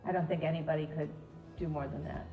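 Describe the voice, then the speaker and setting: A woman's voice: low voice, fairly even intonation, fast talker, warm tone, soft background music. A woman hosting an interview, asking chatty, meandering questions with fillers. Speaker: podcast host. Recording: roomy echo.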